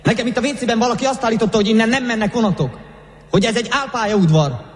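A man playing a desperate young traveller in a radio play, rapidly pleading and trying to rouse a crowd. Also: very high voice, echoey room, long reverb tail. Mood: frantic. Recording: loud music behind the voice.

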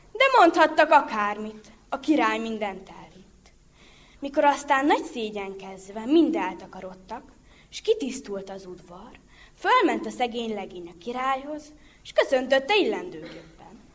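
Woman telling a folk tale. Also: on the high side. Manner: lively, rhythmic storytelling. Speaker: storyteller.

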